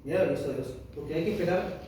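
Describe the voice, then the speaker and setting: A man with a Rioplatense Spanish accent giving an informal, earnest sermon testimony, reading scripture slowly and emphatically. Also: fairly high pitch, dark tone. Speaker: lay preacher giving testimony. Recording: echoey room, distant from mic, faint background noise.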